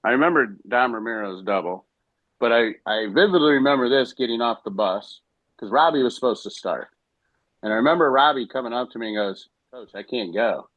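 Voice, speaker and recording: A man, a former high school baseball coach, telling stories casually on a podcast and acting out what others said. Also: fairly quick, no room sound, phone-quality sound. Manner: animated, quotes others in his stories.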